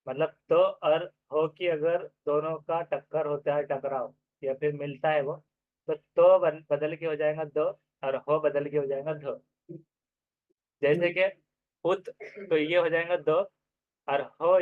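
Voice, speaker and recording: A man teaching an exam-prep grammar lesson, explaining step by step and repeating each example slowly. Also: a little high, no echo. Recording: dry, phone-like narrow sound.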